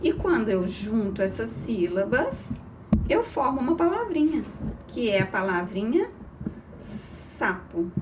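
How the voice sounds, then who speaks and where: A woman teaching an early reading lesson to children, encouraging and spelling out syllables slowly. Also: a little high, big pitch swings, distant mic, noisy background.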